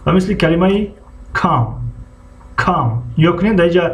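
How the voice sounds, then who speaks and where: A man with a Tajik accent teaching an English lesson, slowly spelling out letters and repeating each word several times for his students. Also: high-pitched, expressive, highs cut off. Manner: slow, repeats words over and over for students. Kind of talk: classroom language lesson.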